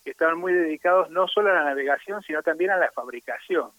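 A man's voice: fairly high pitch, fast, fairly bright tone, dry recording, poor audio. A man speaking as a radio guest, explaining at length with hesitant fillers. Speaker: radio guest on Basque culture.

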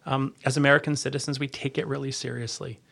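A man giving a conversational podcast interview as an agency leader, earnest and halting, often rephrasing as he goes. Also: medium pitch, level tone, gravelly, a bit bright.

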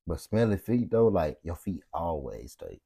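A man hosting a casual podcast, tossing out silly questions in a loose, profane, slangy way. His voice sits low. The recording is dry and close. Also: big pitch swings, unhurried, creaky, dark tone, slightly rough, dry recording. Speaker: podcast host. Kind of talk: casual chat.

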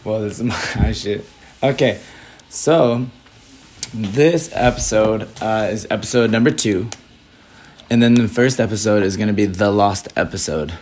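A man's voice: on the low side, measured pace, darkish tone, a little hiss or hum. A young man from Southern California co-hosting a casual podcast, joking, swearing and laughing often. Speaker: podcast co-host.

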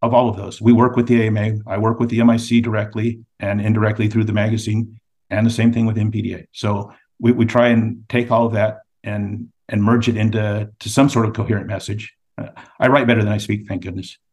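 A man's voice: lowish voice, level tone, fairly quick, darkish tone. A man, a magazine editor, is a guest in a casual interview and tells anecdotes at length. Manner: anecdotal storyteller.

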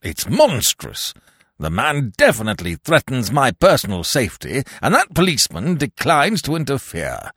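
A man's voice: mid-range voice, wildly swooping pitch, moderate pace, fairly bright tone, husky, no room sound, studio quality, voice pushed down, heavily acted. A man voicing an indignant elderly English lord who splutters with outrage. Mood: outraged.

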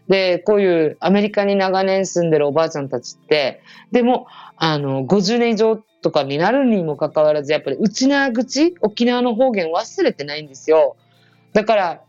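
A woman hosts her podcast and tells a story in a casual, talkative way. Her voice sits low and is recorded close and dry. The sound is a little dull, with faint music behind her. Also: dry recording. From Okinawa. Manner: chatty, animated when quoting others. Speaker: podcast host.

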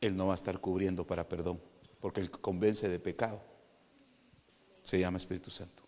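A man with a Guatemalan accent preaching a sermon, animated and emphatic, often calling his listeners "brother". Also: low voice, a little fast, big-room sound. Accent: Guatemalan Spanish. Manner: animated, addresses listeners as "hermano", rises to loud emphatic peaks.

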